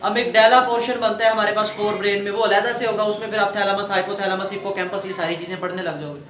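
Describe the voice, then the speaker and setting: A man's voice: high voice, level tone, fast talker, far from the mic, noisy background. Guy lecturing a class, quizzes the kids and answers himself, roomy echo. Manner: asks the students questions and repeats the answers, calls them "beta". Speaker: teacher.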